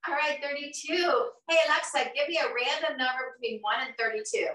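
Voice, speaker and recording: A woman's voice: high voice, fairly even intonation, fairly quick, sharp tone. A woman in her fifties hosting a live cooking show from her home kitchen, chatty and encouraging. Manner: chatty, encouraging, laughs often. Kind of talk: upbeat live-stream chat. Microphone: far camera. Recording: roomy kitchen sound from far off.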